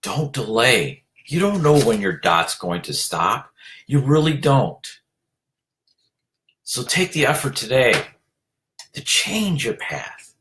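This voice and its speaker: A man giving an earnest motivational talk as a leadership coach, urging listeners on, repeating his phrases and filling pauses with "you know". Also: mid-range voice, sing-song, a bit bright, a little hiss or hum.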